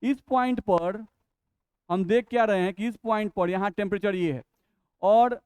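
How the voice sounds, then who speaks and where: A man with a Bihari Hindi accent teaching a chemistry lesson step by step, asking questions and answering them himself, and reading English definitions out slowly. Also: high voice, darkish tone, clean tone, no room sound. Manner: explains step by step, asks and answers his own questions. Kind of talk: classroom lecture.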